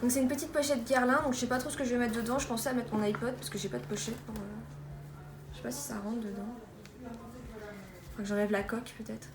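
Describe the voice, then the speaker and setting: A woman's voice: on the high side, steady tone, fast talker, pauses often. A young woman from France showing off a beauty haul in a casual vlog, chatty with lots of fillers and restarts. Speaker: beauty vlogger. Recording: echoey room with background noise.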